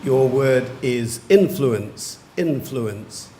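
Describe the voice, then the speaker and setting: Man pronouncing words slowly in an echoey hall. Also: medium pitch, animated, mellow. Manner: slow, careful enunciation of each word. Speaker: spelling bee pronouncer. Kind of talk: reading words, definitions and sentences aloud. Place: large museum hall. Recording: echoey hall, faint room noise.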